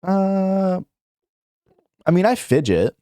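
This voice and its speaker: Slow and sing-song, his high voice carries a warm, clean tone in a dry, studio-quality recording. This young man is livestreaming, reading questions aloud and answering in a loose, rambling manner with fillers, restarts, self-corrections and chuckles.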